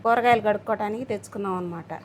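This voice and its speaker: A woman's voice: medium pitch, very fast. A middle-aged woman cooking at home, homely and explaining each step as she goes. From Guntur region, Andhra Pradesh. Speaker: home cook. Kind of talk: cooking demonstration. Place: home kitchen.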